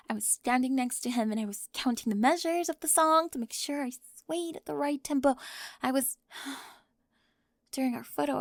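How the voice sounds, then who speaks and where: In this ASMR audio roleplay, a woman plays a tearful, defensive teenage cheerleader who is high-strung and controlling. Her gravelly delivery is flustered and emphatic, full of sighs and whispers, captured in a dry, studio-quality recording.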